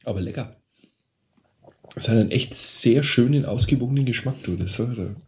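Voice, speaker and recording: A man's voice: mid-range voice, darkish tone. A man with a Franconian German accent, co-hosting a casual beer tasting with chatty, joking remarks. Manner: chatty and joking, quick asides. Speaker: podcast co-host, beer taster.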